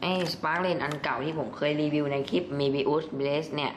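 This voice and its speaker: A man's voice: on the high side, steady tone, measured pace. A young man chatting casually through a toy review and padding his sentences with polite particles. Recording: echoey room, faint background noise.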